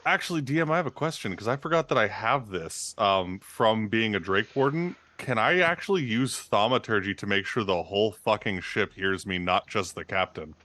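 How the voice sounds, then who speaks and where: A man's voice: on the low side, expressive, moderate pace, few pauses, bright, forceful tone, no echo. A man playing a tabletop game, eager and apologetic, swearing casually as he talks. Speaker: player.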